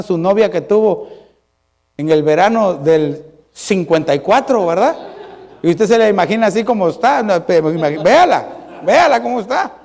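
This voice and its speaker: A middle-aged male pastor, preaching a sermon with animated storytelling and humorous asides. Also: high voice.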